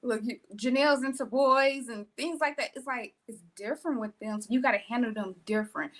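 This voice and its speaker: Woman in her thirties, high voice, loose rambling podcast talk. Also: brisk. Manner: warm-hearted, rambling, laughs while talking. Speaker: podcast co-host. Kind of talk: casual chat.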